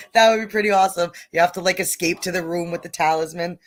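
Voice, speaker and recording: Excitable New York woman hosting a stream. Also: on the low side, moderate pace. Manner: excitable, greets viewers by name, laughs often. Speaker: host. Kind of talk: casual live-stream chat.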